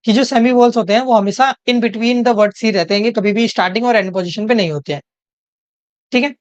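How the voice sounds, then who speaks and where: A young female tutor with an Indian English accent and a high-ish voice gives an exam-prep English lesson in Hinglish, step by step. She reads English questions slowly and keeps checking in with "theek hai?" The home recording is dry and slightly dull, with no room sound.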